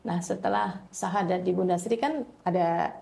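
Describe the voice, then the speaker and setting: A woman's voice: fairly low pitch, steady tone, moderate pace, creaky, dark tone, slight background noise. A woman interviewing a guest, prompting with short questions and brief affirmations. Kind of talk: casual interview.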